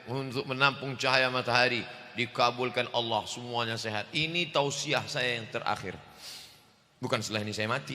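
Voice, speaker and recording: A man preaching a loud, joking sermon to a large congregation, acting out little scenes. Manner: loud, booming delivery. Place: large mosque. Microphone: handheld stage microphone. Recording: echoey mosque hall.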